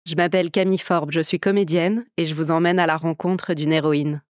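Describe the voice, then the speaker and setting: A woman's voice: sits low, steady tone, brisk, darkish tone, no echo, studio quality. A woman hosting a podcast, narrating a scripted story in a theatrical storyteller's way. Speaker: podcast host and actress. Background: music.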